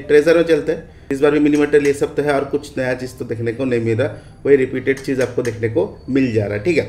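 Hosting a gaming video, an Indian-accented man casually walks viewers through a game update over screen capture, constantly tossing in checking tag phrases. His mid-range voice is warm, with a roomy echo and slight background noise.

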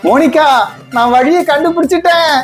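A woman's voice: sits high, moderate pace, faint music behind, lightly acted. A woman playing a teasing, fussy father who scolds his little daughter in a comedy skit. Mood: flustered. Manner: teasing, then flustered and panicky.

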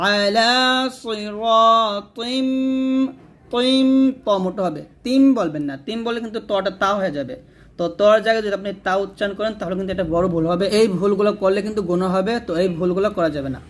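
A man teaching Quran reading, who chants verses slowly and then gives brisk spoken corrections. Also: high-pitched. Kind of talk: Quran recitation lesson.

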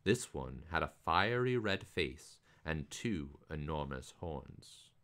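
A man with a deep, bright voice reads a picture book aloud live. He reads slowly and expressively, with a wide, lively pitch. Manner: expressive, theatrical. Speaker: reader.

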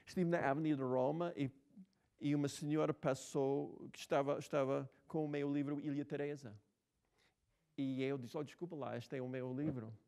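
This American man in his sixties, a writer, speaks Portuguese as a second language with an American English accent during a relaxed interview, full of restarts and fillers as he tells stories. His medium-pitched voice is gravelly, dark, clear and resonant, with a steady tone and moderate pace.

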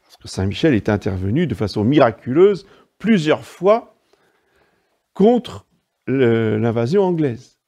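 A man's voice: mid-range voice, sing-song, a little slow, long pauses, warm tone. A priest preaching a sermon in a didactic way, stressing points with frequent asides to his listeners. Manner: didactic, emphatic asides, frequent "hein" and "vous voyez".

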